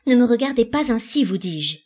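A woman's voice: mid-range voice, normal speed, natural voice. A woman voicing an anguished married woman in a dramatic play reading, pleading with panicked outbursts. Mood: terrified.

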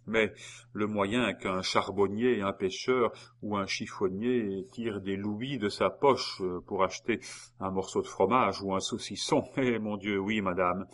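A man's voice: on the low side, natural voice. A man reading an audiobook and voicing a cold, mocking husband who taunts his wife with false politeness. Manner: sneering, mock-polite, taunting.

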